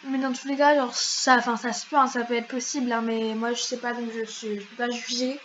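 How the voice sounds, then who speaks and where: A woman's voice: on the high side, flat delivery, a little fast, fairly bright tone, a little hiss or hum. A woman chatting casually over her gameplay as a YouTuber, in a slangy way full of fillers. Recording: slightly dull lo-fi mic.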